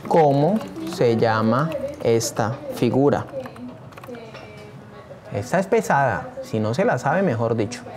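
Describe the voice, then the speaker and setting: A man's voice: medium pitch, lively intonation, takes it slowly, pauses often, over music. A man teaching a screen-share tutorial, talking eagerly and straight to his viewers. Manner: enthusiastic, addresses viewers directly.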